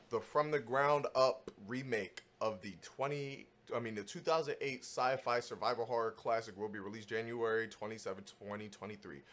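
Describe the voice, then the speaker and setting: A man with a mid-pitched voice hosts a casual gaming chat. He speaks in blunt bro slang with plenty of swearing, loose and conversational. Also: a bit bright. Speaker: podcast host.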